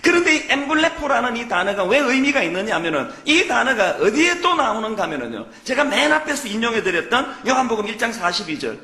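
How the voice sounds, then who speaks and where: A man's voice: extremely high pitch, very animated, fast talker, hardly any pauses, bright, forceful tone. A man from preaching a sermon as a pastor, earnest and emphatic, with many rhetorical questions. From Gyeongsang, South Korea. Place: church sanctuary. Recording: echoey church hall.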